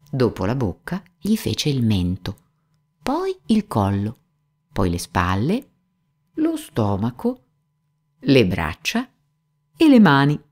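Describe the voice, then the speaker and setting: A woman reading a classic children's story aloud in an expressive, dramatic storytelling manner. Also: very deep voice. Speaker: narrator.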